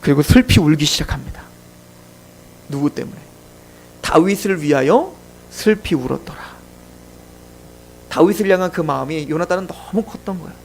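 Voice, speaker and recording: A man's voice: fairly high pitch, expressive, moderate pace, vocal fry, long pauses, darkish tone, slight background noise. A man preaching a sermon as pastor in a church, telling the story dramatically and acting out the scenes.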